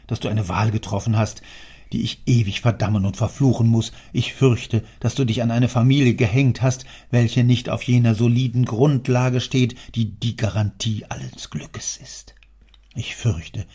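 A man's voice: fairly low pitch, dark tone, husky. A man doing a stern old rich father. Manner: lecturing, indignant, declamatory. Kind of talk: audiobook character reading.

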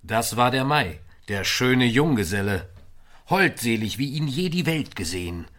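A man reciting a poem with expressive delivery, his volume swelling and dropping. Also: medium pitch, measured pace. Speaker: poetry reciter. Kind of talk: dramatic poetry recitation.

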